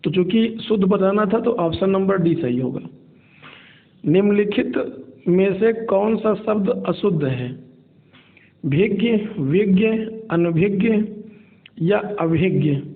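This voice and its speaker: Man teaching exam spelling, high voice, thin phone-line audio. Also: takes it slowly, vocal fry. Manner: steady, explains each answer option and repeats the correct form. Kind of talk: exam-prep spelling lesson.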